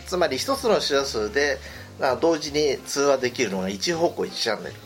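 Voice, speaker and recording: A man's voice: medium pitch, lively intonation, a little fast, faint music behind. A man appearing as an expert guest, patiently explaining a radio technology with frequent fillers.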